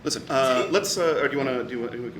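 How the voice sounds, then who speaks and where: A man acting as sommelier at a live comedy show, explaining wines in a deadpan way and slipping in absurd asides without changing tone. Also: mid-range voice, racing. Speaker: sommelier guest. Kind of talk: live comedy wine tasting. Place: small live venue on stage. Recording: roomy live venue, from far off, noisy.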